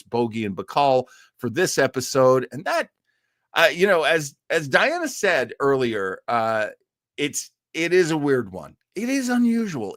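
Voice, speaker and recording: A man hosts an old-time radio show livestream, chatting with casual enthusiasm in a rambling, halting way full of tangents. His medium-pitched voice is fairly bright, and the recording is dry and clean, studio-quality.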